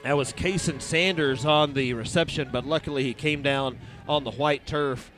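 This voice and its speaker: A man announcing a high school football game play-by-play, calling each snap briskly and working in sponsor reads, recorded at an outdoor stadium. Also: steady tone, fairly bright tone, faint music behind.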